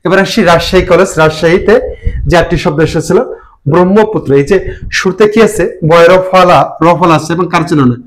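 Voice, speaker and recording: A man teaching pronunciation, spelling out words slowly and deliberately, syllable by syllable. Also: high-pitched, poor audio. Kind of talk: classroom lesson.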